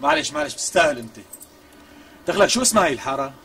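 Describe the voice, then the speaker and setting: A smooth Syrian operator who coaxes, insists and keeps raising his price. His voice sits somewhat high and swoops around a lot. He talks very fast. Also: huge pitch swings, bright, forceful tone, heavily acted. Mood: polite. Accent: Syrian Arabic. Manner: coaxing, wheedling, insistent. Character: smooth, pushy man bargaining hard. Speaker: persistent visitor. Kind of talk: TV comedy acting.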